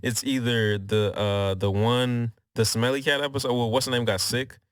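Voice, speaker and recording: A man co-hosting a podcast, recapping a sitcom in casual chat with slangy, animated storytelling and lots of laughter. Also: mid-range voice, normal speed, clean tone, no room sound, clean studio sound. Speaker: podcast co-host.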